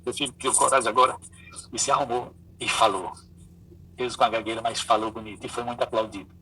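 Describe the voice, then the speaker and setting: A man preaches in an animated, storytelling way and puts on voices for his characters. His tone is bright and forceful, with a husky, breathy grain. The mic sits some distance from him. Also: mid-range voice, fast. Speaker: pastor and psychologist giving a talk. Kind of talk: sermon with acted-out stories.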